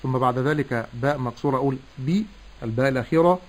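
A man teaching Quran recitation, slowly sounding out each syllable to demonstrate correct pronunciation. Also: mid-range voice, rough recording. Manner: slow, deliberate syllable-by-syllable demonstration. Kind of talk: tajweed lesson.

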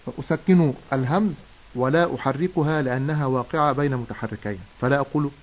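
A man teaching Quran recitation, slowly sounding out each syllable to demonstrate correct pronunciation. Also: medium pitch, rough recording. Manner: slow, deliberate syllable-by-syllable demonstration. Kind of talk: tajweed lesson.

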